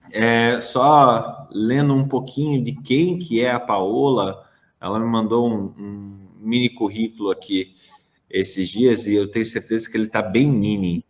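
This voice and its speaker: A man hosting a podcast in a casual, chatty way, introducing guests and joking with them. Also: lowish voice. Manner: chatty, lively, with laughs and restarts. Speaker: podcast host. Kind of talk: casual chat.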